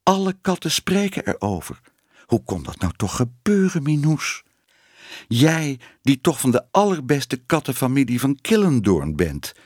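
A man's voice: mid-range voice, very animated, measured pace, a little mellow, no room sound, clean studio sound, pitched above the performer's own voice. Man voicing hissing old cat Tante Moertje. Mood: disapproving. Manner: hissing, prim and scolding.

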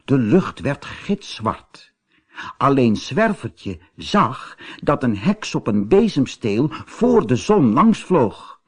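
A man reading a children's story aloud as narrator, slow and expressive. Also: medium pitch, breathy edge.

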